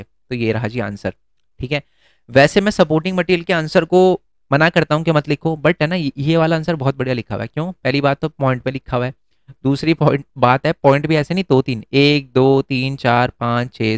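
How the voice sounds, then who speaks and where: Clear-voiced man teaching an exam lesson. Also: a little high, no room sound, clean studio sound. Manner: explains step by step with frequent check-ins to students; casual, conversational Hinglish teaching. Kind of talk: exam-prep history lesson.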